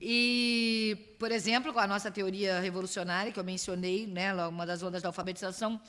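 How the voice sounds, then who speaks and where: A woman's voice: mid-range voice, steady tone, brisk, a bit bright. A woman with a Brazilian Portuguese accent giving an academic lecture, explaining step by step and asking rhetorical questions. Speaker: university lecturer. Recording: long reverb of a lecture hall.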